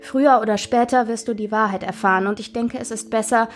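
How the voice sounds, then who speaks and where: A woman speaking as a calm, soothing Death figure in a spooky storybook tale, with faint music behind her. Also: on the high side, fast talker, close to an everyday voice. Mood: explaining. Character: calm, kindly Death, hooded skeleton.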